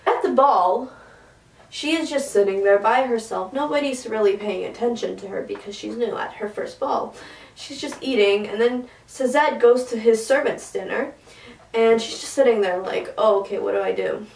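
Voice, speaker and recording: A young woman giving a casual, chatty book talk, excitable with quick asides. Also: fairly high pitch, gravelly. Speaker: book reviewer. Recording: roomy, from a distance.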